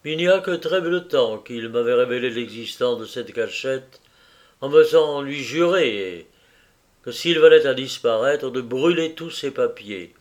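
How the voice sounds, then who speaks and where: A man's voice: medium pitch, expressive, a little slow, close to an everyday voice. A man reading aloud as a solemn, respectful male secretary who speaks with reluctant gravity. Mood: earnest. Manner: hesitant, solemn.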